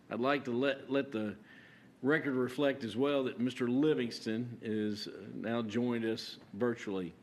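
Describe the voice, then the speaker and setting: A man chairing a county court meeting as judge, halting with many fillers and restarts. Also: mid-range voice, slight background noise.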